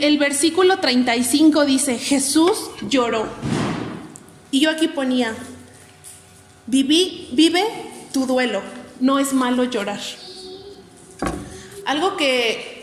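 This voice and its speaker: High-voiced woman preaching in an echoey hall. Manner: earnest, conversational, many fillers. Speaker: youth preacher. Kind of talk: youth sermon. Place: church hall. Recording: echoey hall with faint ambience.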